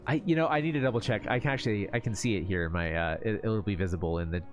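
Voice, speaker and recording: Rambling, low-voiced male streamer. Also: very fast. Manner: rambling, heavy on "like", casual swearing. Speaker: streamer playing an online game. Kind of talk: casual live-stream chat. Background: game music.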